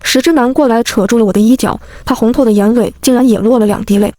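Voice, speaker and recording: Lively woman telling a comic story. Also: a little high, fast talker, dry recording. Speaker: narrator. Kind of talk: first-person storytelling.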